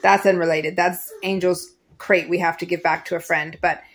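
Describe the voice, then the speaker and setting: A woman's voice: fairly low pitch, flat delivery, moderate pace. A woman in her thirties from Nova Scotia, chatting easily as she vlogs her homeschool and homemaking day. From Nova Scotia, Canada. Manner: chatty, easygoing. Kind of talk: casual vlog narration.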